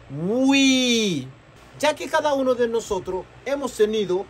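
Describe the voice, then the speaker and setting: A man teaching a beginner language lesson, repeating each word several times slowly, a native Spanish speaker. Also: sits high, a little hiss or hum, poor audio. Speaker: English teacher.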